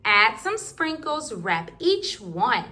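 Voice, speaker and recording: A woman's voice: a little high, big pitch swings, slow, sharp tone. A woman reading rhyming picture books aloud to toddlers in a sing-song, rhythmic way. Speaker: children's book reader.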